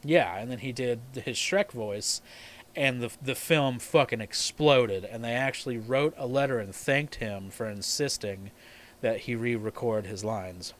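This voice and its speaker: A man's voice: mid-range voice, measured pace, a bit bright. A man in his twenties chatting casually on a live stream, rambling and swearing, laughing often. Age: 20s. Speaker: podcast host. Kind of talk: casual chat.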